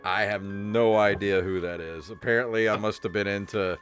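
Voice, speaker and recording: Royalty-free synth music runs under this middle-aged podcast host as he rambles through casual comedic chat and some reading aloud. His voice is lowish and a bit bright, with fairly even intonation at normal speed, and he's sweary and mildly exasperated.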